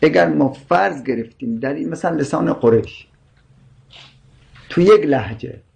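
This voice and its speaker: High gravelly man arguing a scholarly point, keeps repeating examples to make it stick. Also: animated, darkish tone. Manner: insistent, explains with repeated examples. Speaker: scholar explaining linguistics and Quran readings. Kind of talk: scholarly debate.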